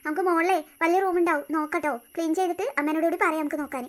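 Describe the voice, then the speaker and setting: A woman's voice: very high-pitched, steady tone, rapid-fire. A woman voicing a caring teenage elder sister who explains things patiently, in a cartoon story. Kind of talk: cartoon voice acting.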